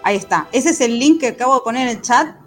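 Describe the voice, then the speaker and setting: A woman's voice: a little high, animated, fast talker, soft background music. A woman hosting a podcast in casual, chatty talk with frequent fillers. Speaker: podcast host. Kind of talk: casual chat.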